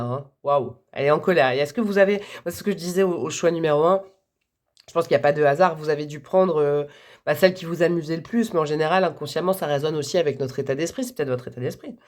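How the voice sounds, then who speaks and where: A woman giving a casual tarot reading to the camera, chatty and effusive, who calls her viewers friends and breaks into sudden exclamations. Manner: exclamations and sudden jumps in pitch and loudness. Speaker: tarot card reader.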